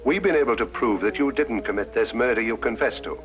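An actor playing a dogged, stolid police inspector with a formal, officious manner in a 1950s television drama. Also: male voice, mid-range voice, a little fast, lightly acted. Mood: formal, stern. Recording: dull 1950s broadcast soundtrack, music behind.

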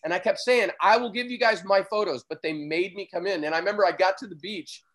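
A man, a surf photographer, telling an excited, vivid story as a guest in a conversation, often getting loud. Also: high voice, fast, low-quality recording.

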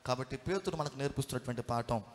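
A man's voice: medium pitch, very fast. A man preaching a fervent sermon. He asks questions and answers them himself, and keeps calling for praise. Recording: long hall reverb.

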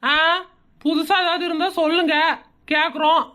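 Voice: very high-pitched, flat delivery, normal speed, pushed and bright. A woman voicing an impatient, exasperated young man in a comedy cartoon, urging his older sister along.

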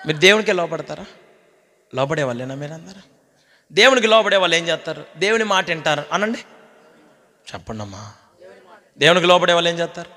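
A male pastor preaching with call-and-response, swinging between loud shouts and hushed whispers, and calling on the congregation to repeat after him. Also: fairly high pitch, long reverb tail. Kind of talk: Telugu sermon with call-and-response.

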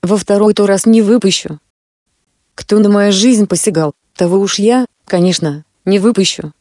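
A woman storyteller puts on a cheeky young peasant who stays unafraid and quick with a retort. The tone is warm and soft. The recording is dry. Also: medium pitch, no echo, close to an everyday voice. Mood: bold. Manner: fearless and mocking.

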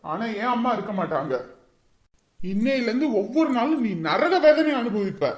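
An actor playing a grieving young husband who hurls bitter, shouted accusations at his father in a TV serial. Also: extremely high pitch, sing-song, moderate pace, roomy sound. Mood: vengeful.

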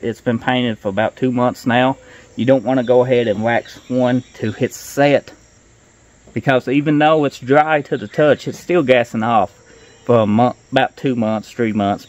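A middle-aged man with a medium-pitched voice gives a casual, hands-on walkthrough in a plain-spoken, folksy manner. He's a car restoration vlogger filming outdoors in a grassy gravel yard, holding a phone at arm's length, so the audio sounds muffled.

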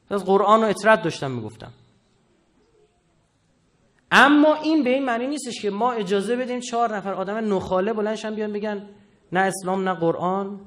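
Impassioned high-voiced male lecturer. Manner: impassioned, swings from low mutters to loud outbursts. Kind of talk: political lecture.

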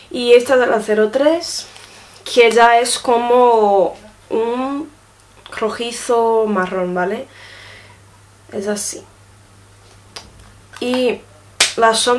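A woman's voice: fairly high pitch, a little hiss or hum. A woman casually reviewing makeup gifts, showing each item to the camera and often checking in with her viewers. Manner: chatty, often checks in with a quick question tag; shows items to the camera while talking. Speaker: beauty vlogger.

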